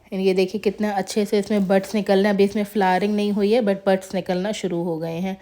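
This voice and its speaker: A woman's voice: medium pitch, mellow. A woman casually narrating a tour of her flowering plants as a gardening vlogger, chatty and showing each plant in turn. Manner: chatty, shows plants one by one.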